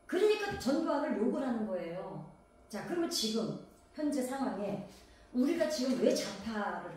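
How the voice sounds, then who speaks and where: A woman's voice: on the high side, a little mellow. A woman from Gangwon Province, South Korea, preaching a sermon in a conversational way, firing rhetorical questions at the congregation. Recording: very echoey hall, voice from a distance.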